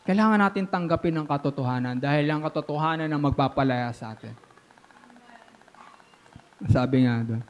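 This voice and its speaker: Pastor, male, high-pitched voice, animated sermon delivery, slips English into his preaching. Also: moderate pace, long pauses. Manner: animated preaching with sudden swings from loud to hushed.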